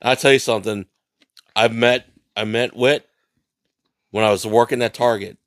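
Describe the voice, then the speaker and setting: A man's voice: medium pitch, fairly even intonation, moderate pace, a bit bright, no room sound, clean studio sound. A man in a casual beer-tasting chat, chiming in with blunt, profane remarks.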